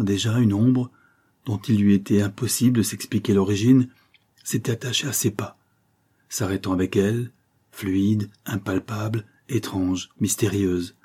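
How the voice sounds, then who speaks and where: A man reads a novel aloud in measured, dramatic narration. His voice is low, dark and very husky, with a mellow warmth. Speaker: audiobook narrator.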